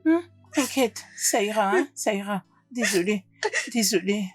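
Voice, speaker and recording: A husky royal mother. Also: mid-range voice, a little slow, faint music behind. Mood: soothing. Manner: soothing, coaxing. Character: fussing royal mother of middle age. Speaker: mother, queen. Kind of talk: French dub of a film.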